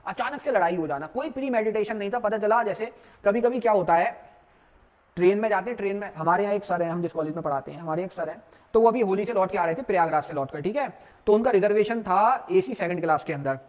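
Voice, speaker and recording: High-voiced man teaching law. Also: expressive, quick pace. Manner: storytelling, mixing Hindi and English, asks students questions. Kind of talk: exam lecture.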